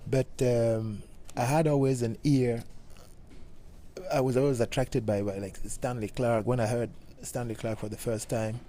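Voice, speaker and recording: Cameroonian man with a mellow voice. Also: mid-range voice, steady tone. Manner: halting, many restarts, laughs easily. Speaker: guest bassist. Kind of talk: casual interview talk.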